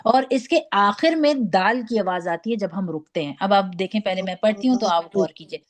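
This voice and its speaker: A woman teaching Quran recitation, patiently modelling each letter sound for students to repeat. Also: mid-range voice. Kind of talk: online tajweed lesson.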